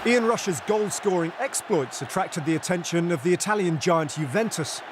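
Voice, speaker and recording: A man narrating a sports documentary in a measured, formal scripted read. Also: sits high, animated, music in the background, crowd noise.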